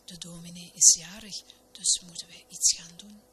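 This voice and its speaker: A woman's voice: lowish voice, little pitch movement, moderate pace, lightly acted. Whispered role-play: twittery old ladies voiced by a woman, noisy take. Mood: fussing. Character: chattering old spinster ladies, sentimental. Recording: noisy recording.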